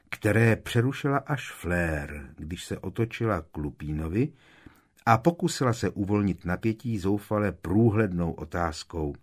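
A man's voice: low voice, a little mellow, breathy edge. A man reading an audiobook aloud, telling the story expressively. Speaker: audiobook narrator.

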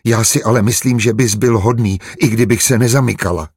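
A man voicing a naive, anxious young female servant who speaks in a rushed, pleading way in an audiobook. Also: on the low side, fairly even intonation, a little mellow, husky, no room sound, clean studio sound. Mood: earnest.

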